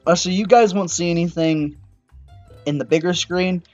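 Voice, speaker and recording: A young man talks through a video game in a loose, rambling way and keeps breaking into excited yelps. His voice sits a little high for a man. Faint game music plays under him. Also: moderate pace, dry recording, muffled recording. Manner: casual, rambling, excitable outbursts. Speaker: gaming channel host. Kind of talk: let's-play commentary.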